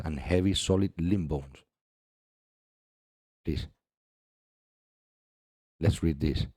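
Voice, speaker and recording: Deep, dark-voiced man discussing scripture. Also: no room sound, clean studio sound. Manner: reads scripture aloud, laughs often, repeats "see". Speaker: religious video host. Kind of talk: casual religious commentary.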